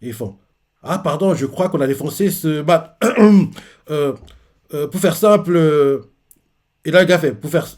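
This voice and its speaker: A man's voice: on the high side, unhurried, pauses often. A man giving casual live commentary on a manga chapter, reading the characters' lines aloud with many hesitations and fillers. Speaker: manga reaction host.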